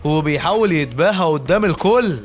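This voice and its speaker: A man with an Egyptian accent races through an anime recap in a high, quick voice, tossing joking asides to the listener. Soft music runs faintly under him. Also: lively intonation. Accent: Egyptian Arabic. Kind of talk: fast casual storytelling recap.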